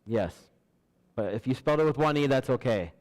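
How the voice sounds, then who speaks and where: A man hosting a church trivia night, reading questions slowly, counting down and laughing at himself. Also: mid-range voice, expressive, darkish tone. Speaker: trivia host. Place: church hall. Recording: large hall with long reverb.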